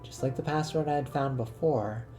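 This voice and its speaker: A man reading a game's narration aloud in a measured, plain voice. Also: mid-range voice. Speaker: let's-play narrator. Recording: voice over game music.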